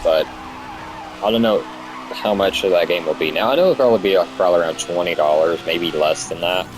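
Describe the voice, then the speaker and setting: A young man with a low-pitched voice talks casually as he plays a game. He sounds like a stoner, rambling and losing his thread, and he drops swear words freely. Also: fairly quick, background noise. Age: young adult. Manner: stoned, rambling and easily sidetracked. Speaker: gamer recording commentary. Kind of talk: casual gameplay commentary.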